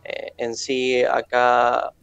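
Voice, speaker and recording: A man, answering interview questions in a measured, formal way with many fillers. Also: mid-range voice, completely flat delivery, a bit bright, clear, resonant tone, no room sound. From Venezuela. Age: 20s. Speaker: interview guest.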